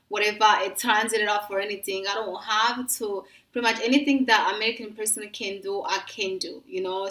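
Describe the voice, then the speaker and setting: A woman's voice: mid-range voice, fairly bright tone. Young woman vlogging, roomy and distant. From East Africa. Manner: rambling, many restarts and fillers. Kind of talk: casual talk to camera.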